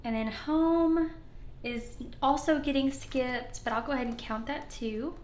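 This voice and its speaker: Seated at a wooden table indoors, a woman with a slightly scratchy, high voice counts cash for her budgeting channel while chatting upbeat and casually to the camera. She speaks a little slowly, her tone a bit mellow, and the room sounds spacious.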